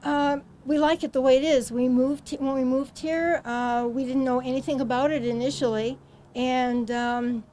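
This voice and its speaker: A woman answering questions as a talk show guest, halting and hesitant with many pauses and ums. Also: high-pitched, fairly even intonation, mellow, a little hiss or hum. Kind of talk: studio interview answers.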